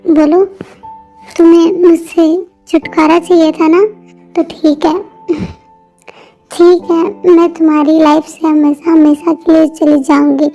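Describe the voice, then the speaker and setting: Woman voicing a heartbroken young wife. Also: high voice. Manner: pleading, emotional, slow. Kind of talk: amateur Hindi fan dub drama. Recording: muffled lo-fi audio with soft music.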